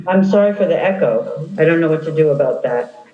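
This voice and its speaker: A woman in her sixties with heavy echo on her call-in audio, giving an earnest, halting statement as an applicant for a planning board. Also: sits low, expressive. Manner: earnest, halting, with many ums and uhs. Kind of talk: remote spoken statement at a public meeting. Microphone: computer call-in. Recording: echoey, dull lo-fi call audio.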